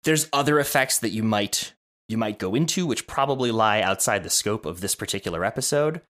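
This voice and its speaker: A podcast co-host with a lowish, animated, somewhat bright voice talks fairly quickly about audio production. The casual chat rambles, full of restarts and self-amused asides.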